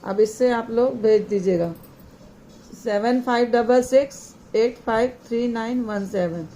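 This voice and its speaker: A woman teacher giving an online class lesson to young children, slowly and deliberately spelling out example words one by one. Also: a little high, mellow, a little hiss or hum.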